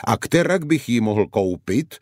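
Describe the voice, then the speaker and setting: A man's voice: mid-range voice, big pitch swings, darkish tone, no room sound, studio quality, pitched above the performer's own voice. A man voicing a proud young knight in an audiobook, firm and commanding. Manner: firm, demanding. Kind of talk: audiobook character voice.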